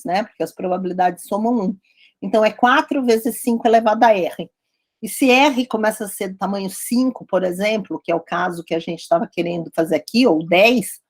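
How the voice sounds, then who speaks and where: A woman's voice: fairly high pitch, a little mellow. A woman lecturing on statistics, explaining step by step and often checking in with her listeners. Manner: explanatory, repeats points with frequent "né?" checks. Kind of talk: academic lecture.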